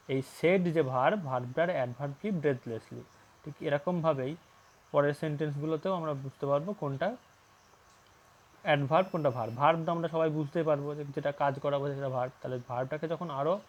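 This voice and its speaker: Male teacher, slightly high voice. Reads English sentences slowly, explains with questions. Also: a little mellow. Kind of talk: English grammar lesson in Bengali.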